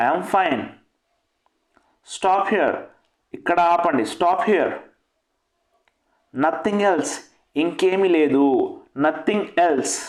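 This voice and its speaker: Slow, deliberate male teacher. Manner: says each English phrase, then gives its Telugu meaning and repeats it; lifts his pitch on the English phrases. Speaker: spoken English teacher. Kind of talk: language lesson with repetition. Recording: echoey room.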